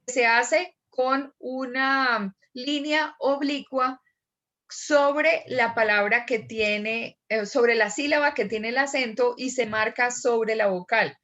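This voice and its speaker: A woman teacher gives an online class lecture over a computer mic. She explains step by step in a slightly high voice and slowly repeats her examples. The audio is muffled and lo-fi. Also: fairly bright tone.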